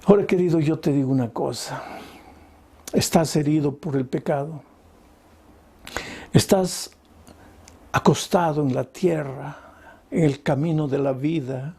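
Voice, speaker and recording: A male pastor preaching an evangelistic sermon, emphatic and pleading, his voice swinging between high and low. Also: measured pace, creaky, long pauses, warm tone, slightly rough.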